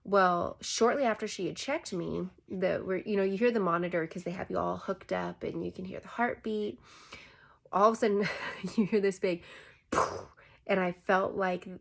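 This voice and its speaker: A young woman talks straight to her vlog mic, relaxed and chatty, dropping "like" into nearly every sentence. Her voice sits at an ordinary middle pitch. It carries a light vocal fry. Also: normal speed. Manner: chatty, heavy use of "like" fillers. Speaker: vlogger. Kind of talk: casual personal storytelling.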